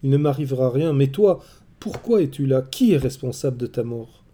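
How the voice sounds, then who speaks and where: Tearful grieving hero, pleading, dark mellow tone, a little raised, read by a man in a storybook. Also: medium pitch, expressive, moderate pace, natural voice. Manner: pleading, voice full of tears. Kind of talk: storybook reading.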